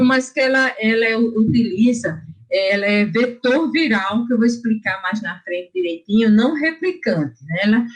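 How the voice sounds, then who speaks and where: Woman physician giving a lecture. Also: medium pitch. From Brazil. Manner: explanatory, frequent fillers and self-corrections. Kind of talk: academic lecture.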